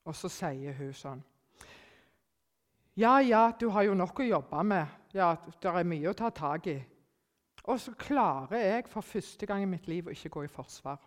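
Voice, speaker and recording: A middle-aged woman giving a personal testimony to an audience, telling it in a lively way, acting out her own thoughts and sometimes dropping almost to a whisper. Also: low-pitched. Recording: long hall reverb.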